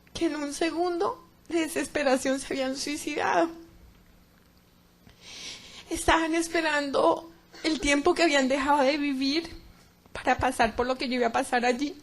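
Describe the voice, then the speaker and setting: A middle-aged woman with a Colombian accent gives a religious testimony to a congregation. She tells it dramatically, swinging between loud cries and hushed tones. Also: high-pitched, steady tone, moderate pace, pauses often. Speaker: testimony speaker.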